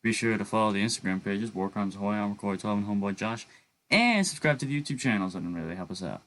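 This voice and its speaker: A young man co-hosting a casual podcast, joking around with many restarts and halting phrases. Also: fairly low pitch, lively intonation, fairly bright tone. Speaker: podcast co-host.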